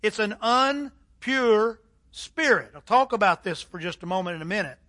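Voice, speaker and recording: Middle-aged male preacher, high ringing tone, emphatic sermon delivery with dramatic pauses. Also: expressive, pushed and bright. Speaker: pastor.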